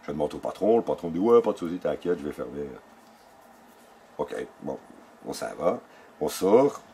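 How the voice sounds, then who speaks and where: Here an elderly man from Belgium, speaking Belgian-accented French, tells stories in a relaxed interview, animatedly performing the dialogue himself. His bass voice has some vocal fry and a moderate pace, and a faint hiss or hum sits under the recording.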